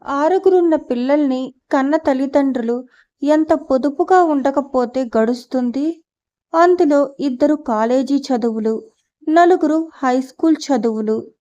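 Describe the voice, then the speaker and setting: A woman narrating an audiobook novel in a steady, measured reading. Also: sits high, highs cut off.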